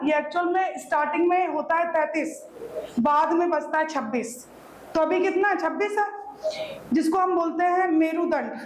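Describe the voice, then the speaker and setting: A woman's voice: sits high, slight background noise. A woman teacher with a Hindi accent giving a classroom lecture, often checking that students follow and repeating answers as she points to her own body. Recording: echoey room, faint ambience.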